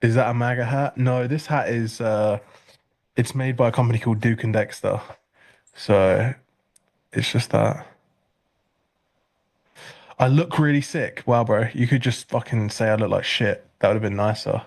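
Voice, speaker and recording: A man's voice: medium pitch, fairly even intonation, moderate pace, creaky, pauses often, darkish tone. A congested British man hosting a live trading stream, chatting casually with dry, sarcastic humor. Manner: dry, sarcastic humor while reading chat.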